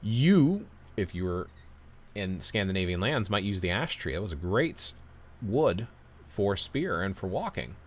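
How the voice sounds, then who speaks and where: A man's voice: low-pitched, sing-song, measured pace. A man hosting a casual livestream, reading out viewer comments and giving long, rambling, self-deprecating opinions. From United States.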